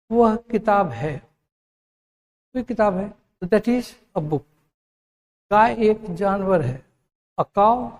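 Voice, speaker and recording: Grammar teacher with a slow, warm delivery who asks the class their own questions. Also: medium pitch. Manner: asks and answers own questions, checks understanding; spells out English examples slowly. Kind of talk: explanatory lesson.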